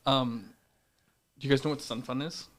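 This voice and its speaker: A man co-hosting a podcast, talking casually and bluntly in a low-key voice that people take for grumpy, often laughing through his stories. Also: steady tone, moderate pace, fairly bright tone. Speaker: podcast co-host. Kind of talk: casual chat.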